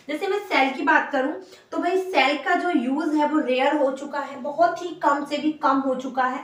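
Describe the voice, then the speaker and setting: A woman's voice: high-pitched, recorded from a distance. A woman teaching an English grammar lesson, explaining patiently and repeating every example sentence. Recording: echoey room, voice from afar.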